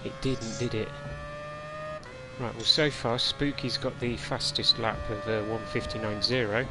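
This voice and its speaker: A man with a mid-range voice keeps a steady tone and an unhurried pace while he drives in his online racing game stream. The live gameplay commentary is chatty and self-deprecating, full of muttering to himself, and the game audio behind him is noisy.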